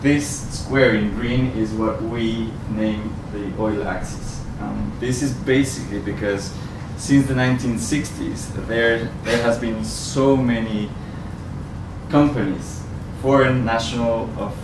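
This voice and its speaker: A man's voice: mid-range voice, steady tone, slow. A man from Ecuador giving a presentation to an audience, speaking hesitantly with many ums and restarts. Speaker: researcher giving a talk. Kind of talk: presentation at a community event. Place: venue with a live audience. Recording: roomy sound from far off, noisy.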